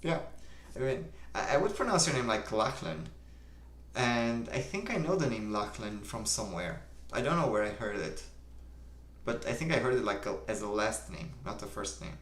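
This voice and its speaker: A young man from Romania with a Romanian accent, calmly reading viewer comments aloud and answering them on a live stream. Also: on the low side, normal speed, echoey room. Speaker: livestream host. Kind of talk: casual live-stream chat.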